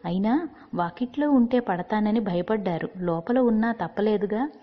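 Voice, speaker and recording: A woman voicing a wise young girl who reasons calmly through probing questions, in a dull recording with long reverb. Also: medium pitch, normal speed, close to an everyday voice.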